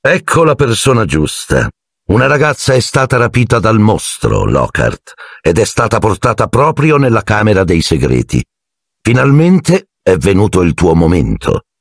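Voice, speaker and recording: Sardonic male potions master, read by a man, slow and biting, swinging pitch. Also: huge pitch swings, creaky, no echo, clean studio sound, full character voice. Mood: sneering.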